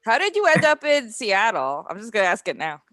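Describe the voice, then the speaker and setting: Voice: mid-range voice, very animated, brisk, fairly bright tone. A podcast host conducting a casual, friendly interview, encouraging the guest with frequent affirmations.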